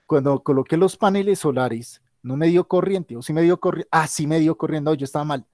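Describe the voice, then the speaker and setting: A man's voice: a little high, fairly quick, darkish tone, dry recording, studio quality. A tired male teacher giving an online class, thinking aloud and correcting himself as he works through the board. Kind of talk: online class with a shared whiteboard.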